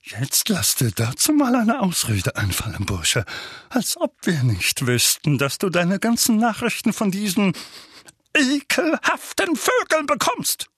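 For an audiobook, a man performs a full character voice as a fat, furious middle-aged uncle, shouting hoarsely and trembling with rage. The voice is very high, above his own, sing-song and unhurried, with clean studio sound and no room ambience.

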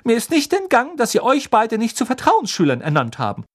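A stern, fussing mother with a sharp, scolding tongue, pitched high and swinging widely up and down, as a male reader puts her on. She snaps quickly and takes charge of every moment, the way a storybook mother does. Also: huge pitch swings, exaggerated voice. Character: stern fussing mother, middle-aged woman.

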